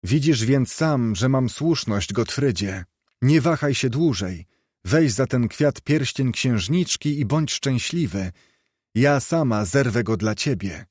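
A man voicing a young mountain fairy princess who speaks softly and pleads. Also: mid-range voice, animated, slow, breathy edge, no echo, clean studio sound. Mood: resigned. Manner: pleading, soft.

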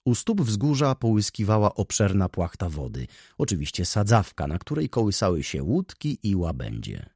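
A man's voice: fairly low pitch, normal speed, few pauses, husky, dry recording, studio quality. A man narrating a classic novel as an audiobook, telling it expressively. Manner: expressive storytelling with voiced characters.

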